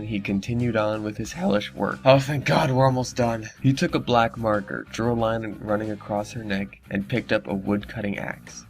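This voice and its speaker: Over background music, a man with a lowish, creaky voice reads a horror story in a mock-dramatic way. He keeps breaking off into casual, sarcastic, exasperated commentary, mocking the tale.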